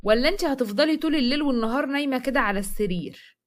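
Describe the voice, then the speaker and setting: A domineering older brother lectures his sister in an Egyptian accent, as a woman storyteller voices him. The voice stays high and quick, stern in tone. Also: close to an everyday voice. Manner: reproachful, stern.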